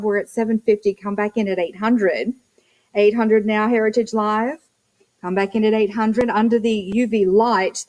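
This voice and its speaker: Woman, auctioneer, live bid calling, repetitive number chant, mid-pitched voice, lot descriptions. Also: a little mellow, low-quality recording.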